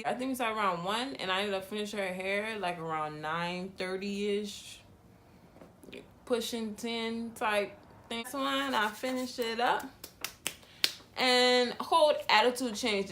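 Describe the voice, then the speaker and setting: A young adult woman hairstylist telling a casual, slangy storytime vlog with animated delivery. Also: fairly high pitch, measured pace, slight background noise.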